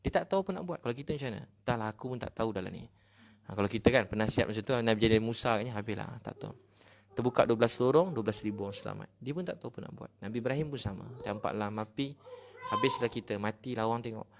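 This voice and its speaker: Male preacher, middle-aged, Malaysian Malay accent, quick emotional sermon delivery. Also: mid-range voice, gravelly. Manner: storytelling, emotional, rises in loudness at key points.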